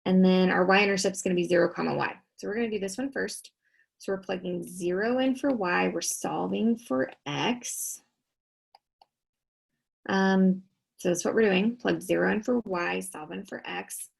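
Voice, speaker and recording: A tired woman records a math lesson, working each step aloud and posing questions she answers herself. Her voice is deeply gravelly with plenty of fry. It also has a husky, breathy edge. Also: moderate pace, rough recording. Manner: talks students through each step, asking and answering her own questions. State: tired, yawning. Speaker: math teacher.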